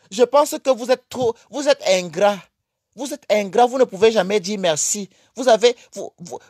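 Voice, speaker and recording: Cameroonian guy ranting live, sweet-toned mean insults, repeats himself a lot. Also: sits high. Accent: Cameroonian French. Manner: mocking, insulting, repetitive. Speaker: livestreamer. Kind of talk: livestream rant.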